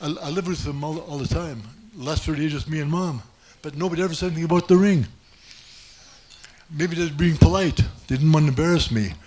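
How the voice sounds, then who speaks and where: A man's voice: fairly high pitch, a little fast, darkish tone. A man doing stand-up, telling a rambling self-mocking story with many restarts. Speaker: stand-up comedian. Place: comedy club stage.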